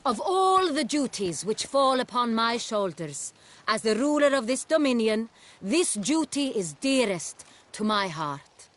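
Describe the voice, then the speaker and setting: A stately, gracious duchess. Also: female voice, on the high side, sing-song, a little slow. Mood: ceremonial. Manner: formal, stately court speech. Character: gracious regal duchess, ruler of a realm.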